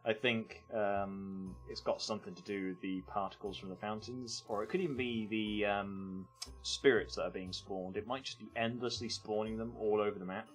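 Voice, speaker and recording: A man's voice: lowish voice, steady tone, moderate pace, soft background music. A man casually reviewing games on a live stream, rambling and hesitant with lots of ums.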